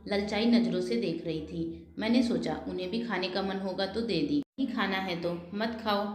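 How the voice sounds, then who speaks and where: A woman doing a sarcastic sister-in-law who needles everyone in a snide, taunting tone. Her voice sits at a middle pitch. There is room echo around it. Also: normal speed, close to an everyday voice.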